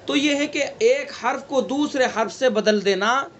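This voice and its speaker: A man with a Delhi Urdu accent teaching an online Quran recitation class, explaining slowly and repeating each point, asking questions and answering them himself. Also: extremely high pitch, fairly bright tone, slight background noise. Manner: slow, repetitive teaching, asks and answers own questions. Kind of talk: online tajweed class lecture.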